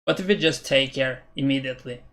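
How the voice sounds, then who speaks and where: Quick-paced and fairly bright, this mid-range male voice belongs to a Norwegian man in his twenties with a Norwegian accent. During a casual chess live stream he answers viewers, thinking aloud hesitantly as he reads the chat.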